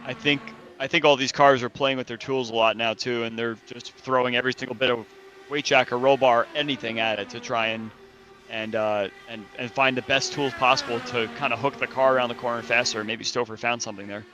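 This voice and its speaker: A man adds color commentary to an online sim race, talking his thoughts through with plenty of restarts. His voice is bright and sharp-edged at an ordinary middle pitch. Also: fairly even intonation, brisk, highs cut off. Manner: chatty and thinking aloud, with restarts.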